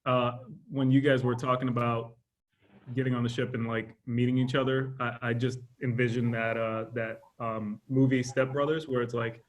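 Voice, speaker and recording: A man's voice: medium pitch, level tone, normal speed, low-quality recording. A man co-hosting a casual video call chat, curious and given to jokes. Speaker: co-host.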